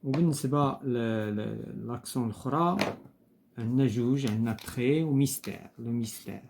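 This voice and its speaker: A male teacher with a Moroccan Arabic accent steps through a textbook exercise at an even pitch for a man. His delivery is patient and methodical. He repeats each example word and pauses on small hesitant fillers. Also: noisy background. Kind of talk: explaining a French textbook exercise.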